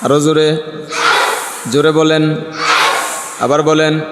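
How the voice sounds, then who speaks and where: High-voiced male Quran teacher chanting slowly. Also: little pitch movement, heavy background noise. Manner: chanted recitation alternating with quick scolding Bengali explanation; drills students syllable by syllable. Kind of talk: Quran recitation lesson with a class. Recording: echoey hall, voice from a distance, music behind.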